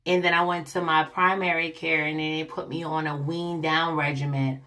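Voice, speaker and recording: A young woman vlogging her illness story to camera, rambling with many ums and restarts, her voice raspy from a lingering cough. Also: sits low, little pitch movement, moderate pace, pushed and bright. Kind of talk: casual personal story to camera.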